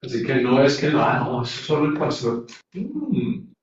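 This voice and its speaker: Very animated, a man with a medium-pitched voice and moderate pace runs a Bible class in a preaching manner, stressing points and asking rhetorical questions. There's slight background noise, with echoey, dull sound from a distant mic.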